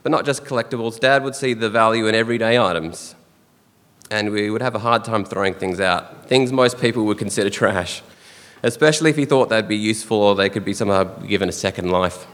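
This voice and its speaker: An Australian man speaks a funeral eulogy, earnest and fond, with soft chuckles between memories. His voice sits fairly low. The sound carries a long reverb, as in a church or funeral hall. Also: a little fast. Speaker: son giving a eulogy.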